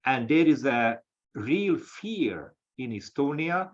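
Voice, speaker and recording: Brief: Hungarian-accented male academic, halting webinar delivery, mid pitch, dull lo-fi audio. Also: big pitch swings. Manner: halting, with frequent restarts and fillers. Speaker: webinar speaker, associate professor. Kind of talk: lecture-style webinar talk. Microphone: video call.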